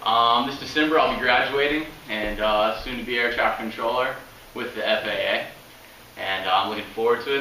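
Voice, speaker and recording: A young man with a mid-range, sharp-toned voice gives an informal informational talk as a student. He's indoors in a room at home, and a camera a few meters away picks him up, so the sound is roomy and distant with faint noise.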